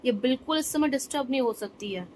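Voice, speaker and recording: A young mother chats casually into her phone's front camera at home, teasing playfully about her toddler. Her voice sits a little high. A faint hum of the room runs under her talk. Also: animated, quick pace, darkish tone. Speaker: vlogger. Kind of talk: casual home vlog narration. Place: home bedroom.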